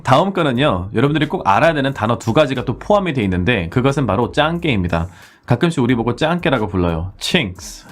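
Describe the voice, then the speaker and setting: A Korean-born man in his forties teaching English conversation casually, acting out heated street exchanges. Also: medium pitch. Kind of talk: casual English lesson with role-play examples.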